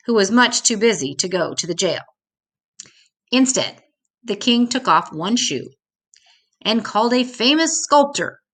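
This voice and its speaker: For an audience of young children, an older woman reads a picture book aloud at medium pitch. She is expressive and unhurried, drawing out the crucial words.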